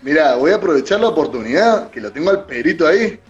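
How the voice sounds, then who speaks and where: A man from Mendoza with an Argentine accent, a musician guest in a casual online interview, relaxed and quick to laugh as he tells stories over a video call. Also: a little high, dull audio, soft background music. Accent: Argentine Spanish.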